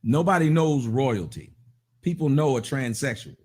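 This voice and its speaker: Here a man in his forties hosts a radio show and gets into a fierce argument, steamrolling the other speaker. His mid-range voice is a little mellow and his pace is moderate despite the heat of the exchange.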